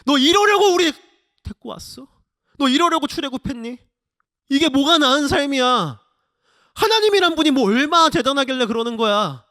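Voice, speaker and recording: A man voicing an angry Israelite who bitterly accuses his leader, indignant and loud. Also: very high voice, lively intonation, moderate pace, pitched above the performer's own voice, heavily acted. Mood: angry accusing. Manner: shouting accusations, rising and indignant.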